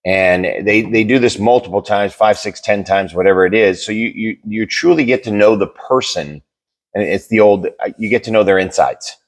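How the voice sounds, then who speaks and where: A man's voice: lowish voice, normal speed. A man co-hosting a podcast in a casual debate chat, rambling and repeating words as he searches for them. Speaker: podcast co-host.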